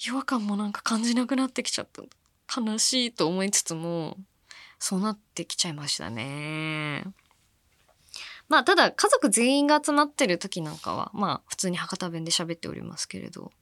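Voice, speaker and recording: A woman from Fukuoka hosting a radio show, chatting casually and musing aloud, with soft-spoken asides between her points and listener mail. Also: mid-range voice, very animated, moderate pace, dry recording. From Fukuoka, Japan. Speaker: radio host.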